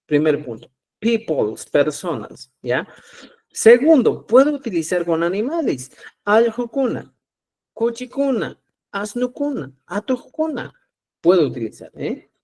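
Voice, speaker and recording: Male teacher from Peru, patient and repetitive, slightly higher voice, live online class. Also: sing-song, a little slow, a little mellow, husky. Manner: patient, repeats "¿ya?" to check understanding. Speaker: Quechua teacher.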